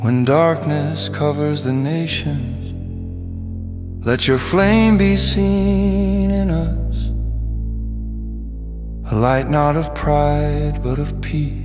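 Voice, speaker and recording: A reverent voice gives a spoken benediction in a medium register. The delivery is extremely slow and solemn, each phrase measured. Music plays clearly behind the prayer. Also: mid-range voice.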